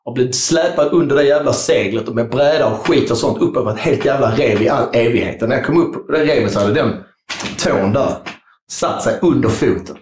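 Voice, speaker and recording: A man's voice: medium pitch, a little mellow, reverberant, slight background noise. A man telling a long story in casual interview chat, rambling and swearing freely. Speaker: guest.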